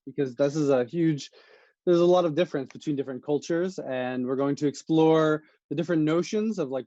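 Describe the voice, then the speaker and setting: A man's voice: medium pitch, mellow, dry recording. A man from the United States co-hosting a casual podcast chat, steering the talk with questions. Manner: chatty, leading the questions. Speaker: podcast co-host. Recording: dull, dry sound.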